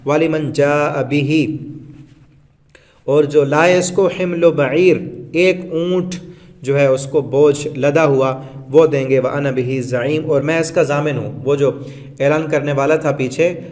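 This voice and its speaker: A man's voice: fairly high pitch, fairly even intonation, a little mellow. A man teaching a word-by-word Quran translation lesson, reciting Arabic phrases and then explaining them in plain conversational Urdu with hesitant fillers.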